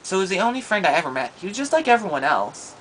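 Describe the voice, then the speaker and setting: A man's voice: sits high, big pitch swings, very fast, a bit bright, slight background noise, low-quality recording. A man playing a shy, insecure schoolboy with no friends in an improvised comedy monologue, talking in a hesitant, rambling way full of ums and restarts. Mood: sheepish.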